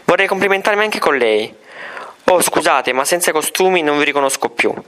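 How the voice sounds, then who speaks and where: A woman's voice: deep voice, expressive, fairly quick, a bit bright. A man voicing a fussy, effusive middle-aged schoolteacher in a storybook reading. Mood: gushing. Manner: effusive, then flustered and stammering.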